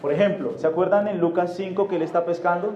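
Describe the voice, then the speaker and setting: A man's voice: high voice, fairly even intonation, fast, mellow, echoey room, dull audio, a little hiss or hum. A man preaching a sermon in a church, explaining Bible passages and often checking that the congregation understands.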